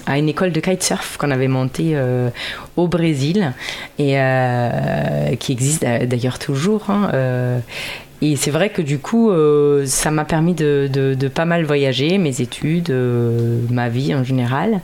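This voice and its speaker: A woman's voice: deep voice, a little slow, a little mellow. A woman in her late thirties speaks French with a light German accent. She is a guest on a radio show. She wanders from point to point, stopping often on long fillers. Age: 30s. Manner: rambling, hesitant, many fillers. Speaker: guest singer. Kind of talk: radio interview.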